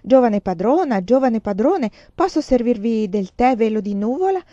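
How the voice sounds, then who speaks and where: A man's voice: very high-pitched, sing-song, normal speed, mellow, dry recording, muffled recording, pitched above the performer's own voice. A woman putting on a fawning stout teahouse owner. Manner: eager, bowing salesman's patter.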